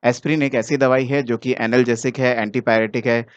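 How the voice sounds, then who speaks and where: A male teacher with an Indian accent walks a student through an exam answer, one step at a time, switching between languages and asking "right?" as he goes. His voice sits at a middle pitch. The recording is dry and a little dull, as if from a close, modest microphone. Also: level tone, fairly quick, clean tone, no echo. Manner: explains step by step, mixing English terms into Hindi; talks directly to the student, often checking "ठीक है ना". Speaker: chemistry teacher. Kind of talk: exam solution walkthrough. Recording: dry, slightly dull mic sound.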